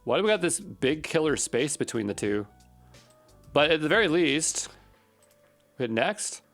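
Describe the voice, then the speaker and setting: Faint music plays behind a man with a fairly high, bright, very animated voice who speaks unhurriedly. He's a programmer recording a casual screencast, talking to himself and muttering as he works through and troubleshoots code.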